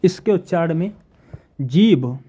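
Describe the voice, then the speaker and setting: A male teacher giving a classroom lecture, repeating definitions slowly and asking his students questions. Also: on the high side, animated, dark tone, slightly rough.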